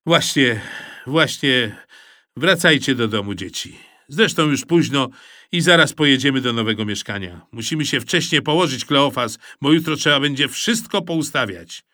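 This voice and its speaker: A man's voice: mid-range voice, lively intonation, moderate pace, bright, forceful tone, dry recording, studio quality, voice pushed up. A man voicing a harried, exasperated father scolding his son and then sighing with tired resignation. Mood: weary.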